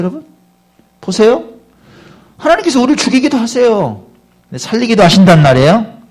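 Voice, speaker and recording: A middle-aged male pastor preaching a Sunday sermon at a church service, asking his congregation questions directly. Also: high-pitched.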